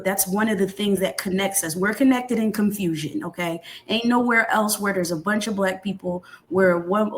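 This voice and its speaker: An assertive woman speaking on a discussion panel. Her voice sits in a middle pitch, and she speaks emphatically and with conviction.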